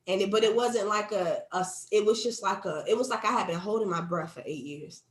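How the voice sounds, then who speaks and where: A woman in her thirties, a podcast co-host, telling a heartfelt personal story in casual chat, animated and quick to laugh. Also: mid-range voice, roomy sound. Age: 30s. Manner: animated, quotes herself and her son, laughs often.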